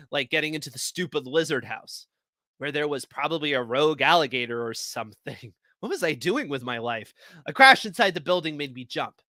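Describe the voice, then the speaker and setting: A man hosting a live event, reading stories aloud in a lively, expressive way. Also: a little high, dry recording. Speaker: host.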